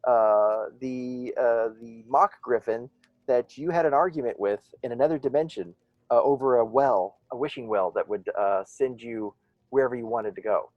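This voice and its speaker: A man's voice: medium pitch, normal speed, no room sound, dull audio. A man narrating as game master, rambling with many fillers and restarts.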